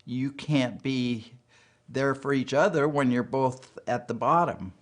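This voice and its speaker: A man speaking in a reserved way about grief in a documentary interview. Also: mid-range voice. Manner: slow, reserved.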